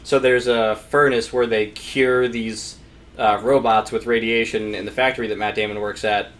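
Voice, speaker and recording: A man's voice: lowish voice, flat delivery, normal speed. A man casually recapping a movie plot in a chat, acting out bits of dialogue along the way. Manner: explains plot at length, acts out quoted lines. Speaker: movie review show co-host.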